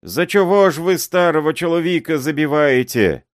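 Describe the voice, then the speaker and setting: A man voicing a beaten old man who wails and pleads for help in a shrill voice, reading a story aloud. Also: animated, normal speed, dry recording, clean studio sound, lightly acted. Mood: desperate wailing.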